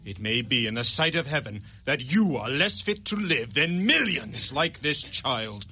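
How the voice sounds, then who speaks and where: An actor playing a stern, solemn, reproachful spirit in a grand, declamatory old radio drama style. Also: male voice, mid-range voice, sing-song, measured pace, sharp tone, husky, exaggerated voice. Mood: stern, scornful.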